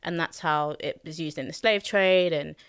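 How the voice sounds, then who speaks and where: A woman's voice: sits low, normal speed, fairly bright tone, clear, resonant tone, no echo, clean studio sound. A young woman, talking openly and thoughtfully about her time as a student, with plenty of fillers. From London, England. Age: young adult. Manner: thoughtful and candid, many fillers, laughs easily. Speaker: guest recalling her student years. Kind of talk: casual conversation.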